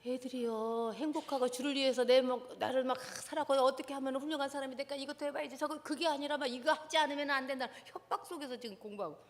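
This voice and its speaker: Woman prof giving a church seminar, high voice, swoops all over, keeps quizzing the crowd, big hall echo. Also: fairly even intonation, fast, hardly any pauses. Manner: impassioned, keeps asking the audience questions. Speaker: seminar lecturer, professor. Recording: long reverb of a large hall.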